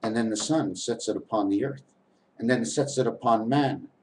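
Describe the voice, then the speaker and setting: A man's voice: medium pitch, moderate pace, a little mellow, low-quality recording. A man giving a rambling spiritual monologue to the camera, spinning wordplay out of letters and numbers and talking to viewers as his friends. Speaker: vlogger. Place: at home, on camera.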